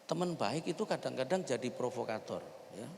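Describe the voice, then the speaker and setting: Gravelly pastor preaching. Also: male voice, mid-range voice, a little fast. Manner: animated storyteller, plays out voices in his anecdotes. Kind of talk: sermon with personal storytelling. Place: church during an Easter service. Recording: church hall reverb, faint background noise.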